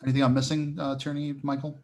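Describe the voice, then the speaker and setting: A man's voice: mid-range voice, completely flat delivery, fast. A man giving an update in an online meeting, hesitant, with many fillers and restarts. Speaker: committee member.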